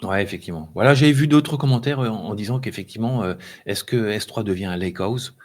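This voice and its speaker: A man hosting a casual tech chat, hesitant, his phrases often trailing off softly. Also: lowish voice, a little fast.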